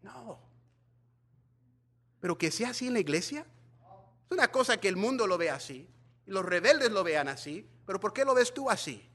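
Male pastor, high voice, bilingual sermon, animated. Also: moderate pace, long pauses. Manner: animated preaching, mixing Spanish and English, acting out gossiping church members.

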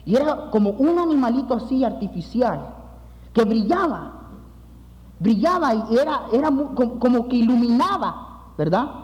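A man preaching as pastor, emphatic, repeating phrases for weight and dropping low at the ends of phrases. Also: big pitch swings, normal speed, darkish tone, highs cut off. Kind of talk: sermon with illustrative stories. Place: church sanctuary. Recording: long hall reverb.

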